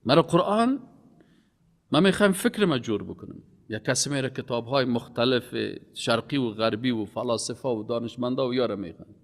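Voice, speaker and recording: A man giving an emphatic religious lecture, his voice rising on key words and dropping low. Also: expressive. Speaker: Quran teacher. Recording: long hall reverb.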